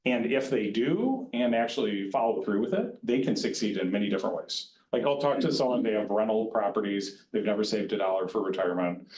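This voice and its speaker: A man with a lowish voice gives an informal retirement-planning talk in a roomy meeting room with a clear echo. He speaks plainly and conversationally, restarting phrases as he goes. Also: darkish tone, slight background noise. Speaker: retirement plan advisor. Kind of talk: informal educational presentation. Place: county board meeting room.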